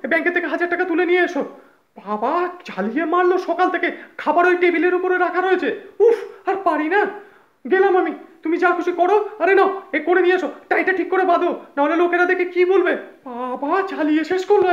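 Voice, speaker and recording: Very high squeaky nagging wife , a guy putting it on, rattling off complaints quick. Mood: irritated scolding. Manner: scolding, shrill and rapid. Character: nagging exasperated young housewife. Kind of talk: comedy sketch acting. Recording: echoey room, slightly dull sound.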